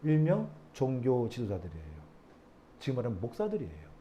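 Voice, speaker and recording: Animated preacher man, lively pitch. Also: lo-fi sound. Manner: animated, prodding the congregation with rhetorical questions; reads scripture aloud slowly. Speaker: pastor. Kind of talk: Friday prayer meeting sermon. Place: church sanctuary.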